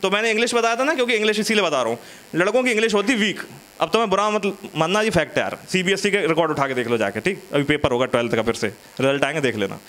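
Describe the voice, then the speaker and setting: A male stand-up comic with a notably high voice, spinning stories in a loose, chatty way. He keeps breaking off to banter with his audience on a small studio stage. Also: rapid-fire, a bit bright. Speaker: stand-up comedian. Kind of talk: stand-up comedy set.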